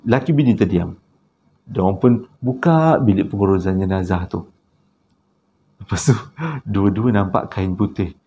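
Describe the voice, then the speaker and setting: A man with a Malaysian Malay accent telling a horror story in a conversational way, with tag questions and hushed tense moments. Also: sits low, normal speed, pauses often, slight background noise.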